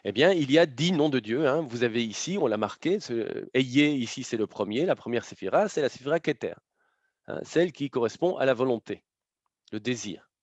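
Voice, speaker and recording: A man's voice: mid-range voice, animated, normal speed, no room sound. Man teaching, full of questioning tags. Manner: explanatory, punctuated by frequent tag questions. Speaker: lecturer. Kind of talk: lecture to a live audience. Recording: dull, slightly muffled lo-fi sound.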